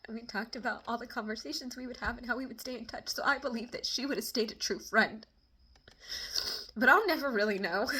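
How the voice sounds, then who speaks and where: Bright-voiced woman venting candidly. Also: fairly high pitch, breathy edge. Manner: candid, emotional, swinging between laughter and near tears; swears casually, quick bursts of exasperation. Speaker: vlogger. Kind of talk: personal confessional talk to camera.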